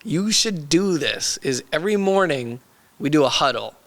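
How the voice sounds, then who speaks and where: A hoarse young man who has lost his voice, chatting casually and jokingly as a podcast co-host. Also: on the high side, lively intonation, normal speed, fairly bright tone. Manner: laid-back, slangy, jokey. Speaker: toy shop owner and podcast co-host.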